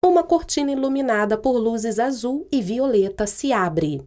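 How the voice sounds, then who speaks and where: Female audio describer: scripted visual narration, fairly high voice, very varied intonation. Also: expressive, moderate pace, dark tone.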